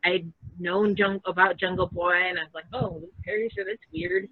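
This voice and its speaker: A woman's voice: fairly low pitch, very animated, normal speed, slightly rough, no room sound. A woman guest in a casual podcast chat, talking things through in a chatty, thinking-aloud way. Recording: tinny dry phone-like line.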